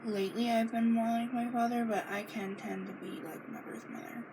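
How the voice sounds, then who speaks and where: A young woman from Maine answering a list of personal questions in a casual sit-down video, reading each question aloud and pausing often with fillers and restarts. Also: fairly high pitch, steady tone, gravelly. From Maine, United States. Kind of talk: casual Q and A monologue. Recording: noisy home recording.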